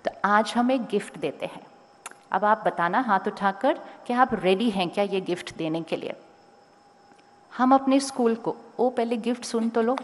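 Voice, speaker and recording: A woman giving a motivational spiritual talk to a school audience, speaking slowly and deliberately and sometimes calling on the crowd to raise their hands. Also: a little high. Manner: calm, slow and deliberate, rising to urge the crowd. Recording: long hall reverb.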